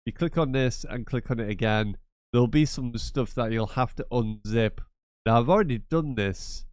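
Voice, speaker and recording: His mid-range voice moves at a moderate pace, slightly mellow and clean, recorded at studio quality without echo. He's a gaming channel host stuffed up with a cold, sounding nasal, rambling chattily and repeating himself during a casual screen-share tutorial.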